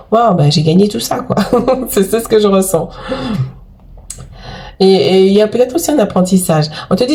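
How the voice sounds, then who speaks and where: A woman with a cold and a mellow, mid-range voice reads tarot cards for her viewers. As a tarot and oracle card reader, she keeps things chatty and effusive, full of exclamations and fillers.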